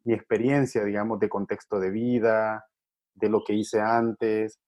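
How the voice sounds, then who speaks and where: A man's voice: lowish voice, little pitch movement, a little slow, darkish tone. A middle-aged man from Honduras who works with men's groups, talking reflectively with frequent fillers and repeated words. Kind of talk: reflective conversation.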